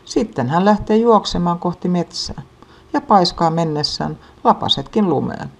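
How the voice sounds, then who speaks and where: A woman with a notably low voice reads a children's story. Her delivery is calm and even, paced for young listeners. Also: vocal fry.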